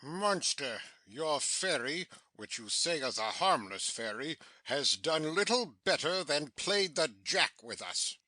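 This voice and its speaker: A pompous, blustering drunken butler acted by a man lords it over his companions. His voice is bright and forceful, his pace unhurried, in theatrical Shakespearean audiobook style. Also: on the high side, big pitch swings, no room sound, exaggerated voice. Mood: indignant. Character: drunken, blustering butler who fancies himself king. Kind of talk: dramatic Shakespearean audiobook reading.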